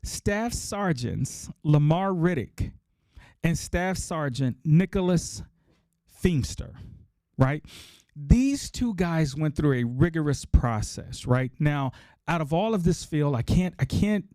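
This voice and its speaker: A man's voice: fairly high pitch, animated, slow, dark tone, dry recording, clean studio sound. A middle-aged man hosting a podcast, talking casually and emphatically to listeners, repeating key points for effect. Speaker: podcast host.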